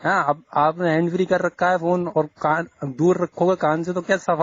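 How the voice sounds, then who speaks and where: A man's voice: sits high, level tone, moderate pace. Insistent man on a muffled phone call. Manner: insistent, coaxing, repeats himself. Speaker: moderator of a phone debate. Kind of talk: casual phone chat. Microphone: phone held to ear.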